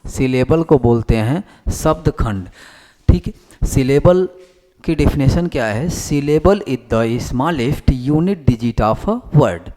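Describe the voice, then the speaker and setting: A man teaching English basics in a classroom lecture, repeating each point back as a question and slowly dictating definitions as he writes them on the board. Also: medium pitch, expressive, mellow.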